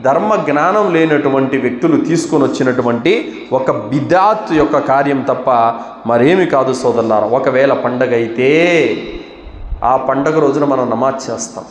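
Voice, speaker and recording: A man's voice: medium pitch, reverberant, in a large hall. A man delivering a sermon as an Islamic preacher, asking rhetorical questions and rising into urgent exhortation.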